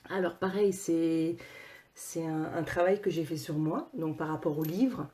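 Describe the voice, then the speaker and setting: A woman coach talking casually to her viewers, animated, with many repeated words and restarts. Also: low-pitched, unhurried. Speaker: personal coach and author.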